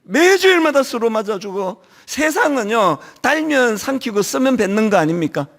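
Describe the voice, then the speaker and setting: A middle-aged male pastor preaching in church, his voice sitting very high and swinging widely as he tells his stories. There is a gravelly edge to it, and a touch of a lingering cold. He acts out the people he quotes with plenty of energy. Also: normal speed. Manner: animated storytelling, acting out quoted voices. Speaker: senior pastor. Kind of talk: sermon.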